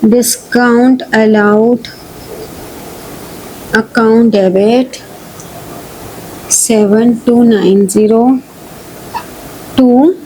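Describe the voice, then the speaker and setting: In a live online lesson, a woman teaches journal entries step by step, her voice on the high side yet dark in tone, with fairly even intonation. She reads questions slowly, shifts into fast Hindi-English explanation, and keeps checking understanding with frequent "ठीक है" and questions. The recording is rough, with slight background noise.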